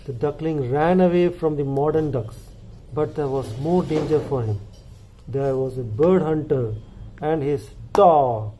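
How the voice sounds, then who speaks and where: A man telling a children's story to his kids, animated and stopping to ask them questions. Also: on the high side, unhurried, a little hiss or hum, low-quality recording. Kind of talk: bedtime storytelling.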